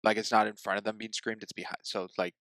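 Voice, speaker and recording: A man's voice: lowish voice, level tone, quick pace, a bit bright, dry recording, low-quality recording. A man co-hosting a film podcast, talking through ideas in a loose, hedging way. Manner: thinks aloud, hedging with "like". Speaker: podcast co-host. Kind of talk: casual chat.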